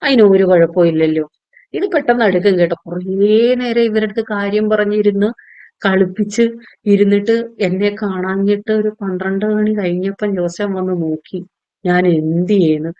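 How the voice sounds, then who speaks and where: Woman, home vlogger, chatty homely narration, smooth voice, dry slightly muffled recording. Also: mid-range voice, fairly even intonation, moderate pace, no echo. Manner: homely and talkative, often adding a friendly tag to sentences. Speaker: vlogger and home pickle maker. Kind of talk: chatty voice-over vlog narration.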